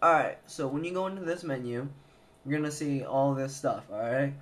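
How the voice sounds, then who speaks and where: A young man talks through a casual tutorial at his computer indoors, unsure at times and reasoning aloud. He has a medium pitch and speaks at a normal speed. Recorded on a handheld camera mic, the audio is noisy.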